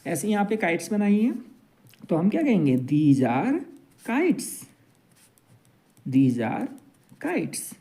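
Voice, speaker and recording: A man's voice: sits high, big pitch swings, warm tone. A man teaching an English grammar lesson, drawing out each example sentence. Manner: slow, drawn-out example sentences.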